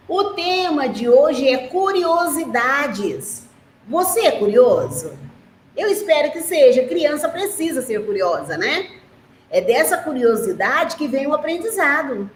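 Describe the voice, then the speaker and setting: A woman with a Brazilian Portuguese accent teaching a remote class for young children, patient and explaining slowly, often checking in with short questions. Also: high voice. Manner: slow, patient, explaining, with frequent "né?" and "tá?". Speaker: primary school teacher. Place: classroom at school. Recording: echoey room with faint noise.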